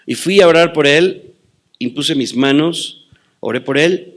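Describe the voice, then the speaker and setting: A man preaching a sermon as pastor, quoting scripture and telling personal stories, swinging between loud declarations and hushed asides. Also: on the high side, a little slow.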